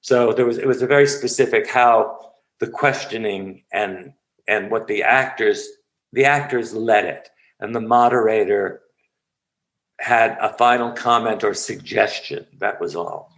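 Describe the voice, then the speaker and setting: A man's voice: fairly low pitch, measured pace, vocal fry, rough recording. An older man, an acting coach, telling stories in an interview and acting out the people he describes. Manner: animated storyteller who acts out the people he describes. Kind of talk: storytelling interview.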